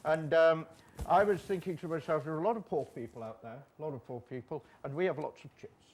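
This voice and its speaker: A man's voice: a little high, quick pace, a little mellow, close to an everyday voice. A man playing a boozy, jolly old Santa Claus on a studio chat show, rambling and making self-mocking jokes.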